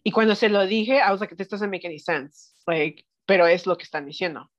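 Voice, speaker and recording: A woman's voice: medium pitch, moderate pace, lo-fi sound. A woman with a Mexican Spanish accent, a psychic guest telling anecdotes in casual chat, often slipping English phrases into her Spanish and acting out quotes. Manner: mixes English phrases into Spanish, animated quoting.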